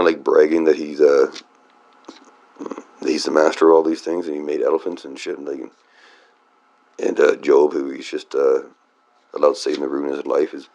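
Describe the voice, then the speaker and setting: A man reading an old scripture text aloud and breaking off into exasperated, profane, sarcastic asides. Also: a bass voice. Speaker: reader of scripture. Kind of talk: reading aloud with irreverent commentary.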